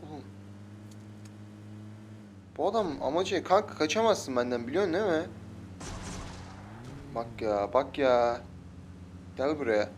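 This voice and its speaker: A young man with a Turkish accent giving casual, excitable gameplay commentary and taunting opponents as he plays. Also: on the high side, unhurried, long pauses. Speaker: mobile game streamer. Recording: noisy with loud gunfire behind.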